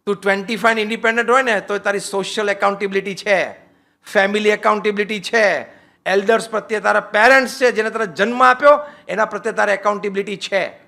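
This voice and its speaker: A swami delivers a playful sermon in a high, bright voice. He teases and coaxes his listeners, dropping English phrases into his talk as he goes. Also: steady tone, fast, gravelly. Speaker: swami giving a spiritual discourse. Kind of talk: humorous religious discourse on married life.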